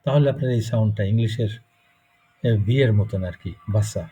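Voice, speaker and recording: A man's voice: on the low side, a little fast, warm tone, husky. A man with a Bangladeshi Bengali accent teaching German pronunciation in a live class, explaining step by step and checking in with students. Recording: muffled lo-fi recording.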